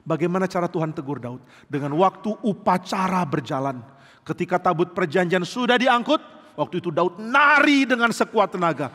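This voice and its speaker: A male pastor preaching a sermon in a church sanctuary, telling the story in a lively, animated way. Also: sits high, moderate pace. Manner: animated storytelling, mimics music with sung syllables. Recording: long reverb of a large church hall.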